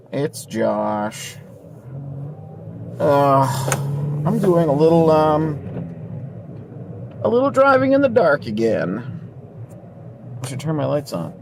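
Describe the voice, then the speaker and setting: A man's voice: fairly high pitch, vocal fry. A young man with a scratchy cough vlogging casually while he drives at night, rambling and joking at his own expense. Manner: rambling, self-mocking, joking. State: scratchy cough, coming down with something. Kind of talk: casual vlog while driving. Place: in a car at night. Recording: loud car and road noise. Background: road and car noise.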